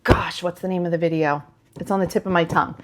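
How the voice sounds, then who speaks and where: A woman's voice: lowish voice, fairly even intonation, fast talker. A middle-aged woman co-hosts a casual music podcast from a living room. She teases her co-host and breaks into laughter often. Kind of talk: casual chat.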